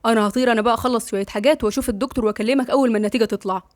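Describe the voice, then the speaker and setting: A woman's voice: on the high side, very fast, dry recording, studio quality, close to an everyday voice. A woman voicing a loyal, soothing young Egyptian man. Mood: concerned.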